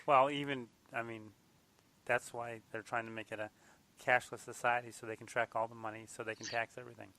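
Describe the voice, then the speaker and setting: Guy hosting a podcast, bright voice, laughs a lot, kinda hoarse. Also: medium pitch, little pitch movement, fairly quick. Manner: laughs often, upbeat, many restarts. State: losing his voice. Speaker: podcast host. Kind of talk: casual interview chat.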